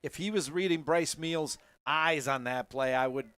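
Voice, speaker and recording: A man's voice: fairly high pitch, normal speed, a bit bright, smooth, no room sound. A man as color commentator on a live college football broadcast, breaking down plays and laughing easily with his partner. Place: press box at a football stadium.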